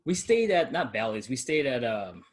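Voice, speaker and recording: Brief: young adult man, casual host, relaxed and loose, mid-range voice. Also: medium pitch, moderate pace. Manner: laid-back, loose, swears casually. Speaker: channel host. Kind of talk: casual chat between old friends.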